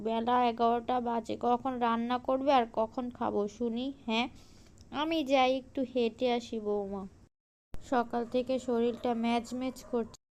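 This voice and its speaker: A bossy, nagging village mother-in-law from a cartoon, voiced by a woman, calls out over and over and scolds. Her voice is smooth and clear and sits a little high. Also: darkish tone, lightly acted. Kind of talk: cartoon voice acting.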